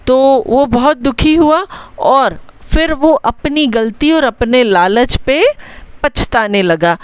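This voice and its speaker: A young adult woman teacher giving a patient, chatty lesson, dictating English words slowly and spelling them out letter by letter. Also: high-pitched, clean tone, dry recording. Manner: explains in a patient, chatty way, often checking in with the class. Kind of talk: bilingual story-writing lesson.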